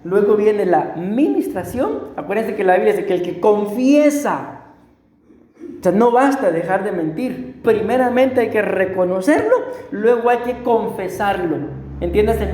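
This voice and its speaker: A middle-aged Costa Rican pastor with a Costa Rican Spanish accent preaches a sermon and shares a personal story, earnest, emphatic and repetitive. His voice sits high and is slightly mellow. The recording, made in an echoey church hall, has a little hiss or hum.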